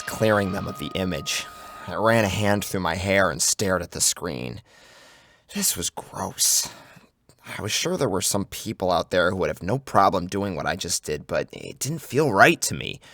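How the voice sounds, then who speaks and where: A man narrates a scripted horror story in the first person, dramatically and theatrically acting out its tension over background music. His voice is low and a bit bright, in a dry, studio-quality recording.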